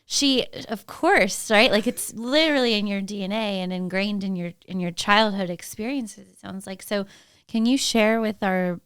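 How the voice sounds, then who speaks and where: A woman's voice: medium pitch, normal speed, fairly bright tone, clean tone, no echo, clean studio sound. A woman hosting an interview podcast, upbeat and enthusiastic in casual chat. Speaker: podcast host.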